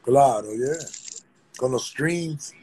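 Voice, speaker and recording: A man's voice: medium pitch, very slow, dark tone, breathy edge, poor audio. A middle-aged man, chatting casually as a guest artist in an interview, laid-back and streetwise, often checking that he is understood. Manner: laid-back, streetwise, keeps asking "¿tú me entiendes?".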